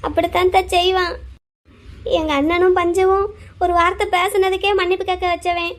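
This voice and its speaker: Woman doing a worried old granny in a cartoon, super high shrill voice, fussing and lamenting. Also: little pitch movement, moderate pace. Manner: exclaiming and lamenting. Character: fretful old grandmother, protective and scolding. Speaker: grandmother called Aachi. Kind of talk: cartoon voice acting.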